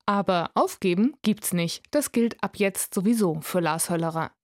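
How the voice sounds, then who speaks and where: A woman reading a scripted radio book review in a calm, measured way. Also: mid-range voice, no echo, clean studio sound. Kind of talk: scripted narration.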